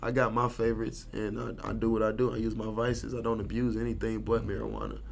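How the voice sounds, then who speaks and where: A Kansas City rapper in his thirties talks fast in a lowish, animated, gravelly voice, with a slight hiss or hum in the audio. As an interview guest, he's laid-back, slangy and rambling in casual chat.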